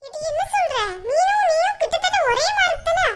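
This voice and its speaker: A performer voicing a shrill, bossy cartoon aunt. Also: normal speed, fairly bright tone, a little hiss or hum. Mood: scolding. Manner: teasing, scolding. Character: bossy scolding aunt, adult woman.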